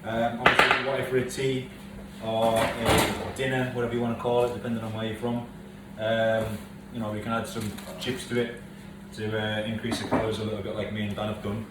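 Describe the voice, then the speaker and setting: The co-host of a home cooking video casually explains a recipe step by step in his home kitchen. He speaks a little fast in a fairly low voice with little pitch movement. The kitchen is echoey, the mic is far off, and the recording is noisy.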